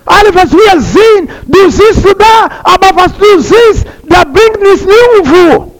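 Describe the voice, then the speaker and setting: A man delivers a sermon in an unusually high, gravelly voice. He speaks slowly and deliberately. He repeats his phrases and keeps asking the congregation questions. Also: expressive, low-quality recording. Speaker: preacher.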